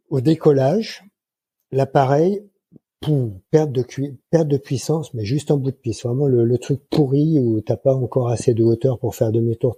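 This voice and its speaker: Husky-voiced man in his sixties, dark tone. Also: mid-range voice, dry recording. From France. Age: 60s. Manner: colloquial, lively anecdotes with many fillers. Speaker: guest, microlight flight instructor. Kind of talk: casual interview storytelling.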